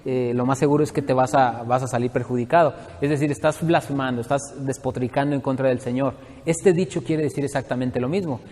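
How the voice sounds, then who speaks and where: A man's voice: mid-range voice, brisk, darkish tone, big-room sound. A man from Mexico, teaching a Bible study to his congregation in a conversational way and often asking them questions.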